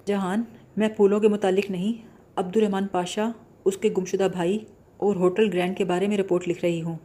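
A woman's voice: mid-range voice, flat delivery, mellow, natural voice. A woman reading an audiobook voices a determined young woman law student, speaking in an earnest, insistent way.

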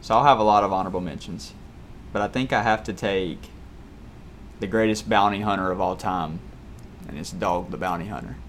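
A man's voice: deep voice, fairly quick, a bit bright. A man hosting a podcast, chatting casually and laid-back. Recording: faint background noise.

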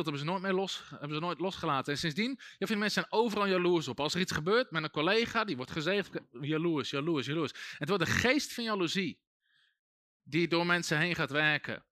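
High, bright-voiced male preacher. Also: dry recording, studio quality. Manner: conversational, many asides and restarts. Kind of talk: sermon.

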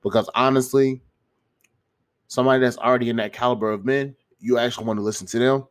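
A man's voice: medium pitch, fairly even intonation, quick pace. A man with a stuffy, congested nose gives casual motivational advice to viewers, rambling in slangy, sweary language and often restarting his phrases. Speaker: YouTuber giving self-improvement advice.

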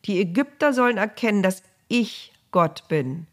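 A woman's voice: mid-range voice, lively intonation, normal speed, lightly acted. A woman voicing God, giving firm commands to a leader. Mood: commanding. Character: commanding divine male voice.

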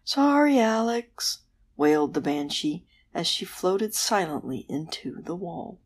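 A woman host narrating a bedtime story in a soft, gentle, unhurried way. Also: low voice, husky.

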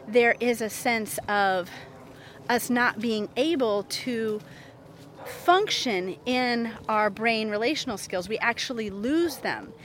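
A woman in her forties, a therapist hosting a podcast, talking in a chatty, animated way and laughing often. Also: fairly high pitch, a little hiss or hum. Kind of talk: casual podcast monologue.

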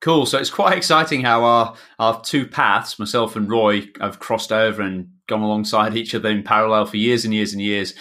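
A man with a broad Yorkshire accent and a fairly low, forceful voice. He hosts a podcast chattily and enthusiastically, spinning out his points as he addresses listeners and guests. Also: normal speed, few pauses. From north of England. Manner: enthusiastic, wordy. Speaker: podcast host, swimming coach. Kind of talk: chatty podcast introduction and interviewing.

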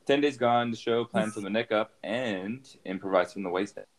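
A man's voice: lowish voice, fairly even intonation, moderate pace. A man hosting a casual podcast from his apartment, introducing his friends with teasing jokes. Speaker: podcast host.

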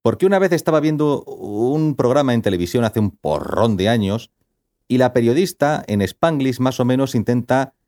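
A man's voice: mid-range voice, normal speed. Rambling man telling stories. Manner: rambling, animated storytelling, self-doubting. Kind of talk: casual chat.

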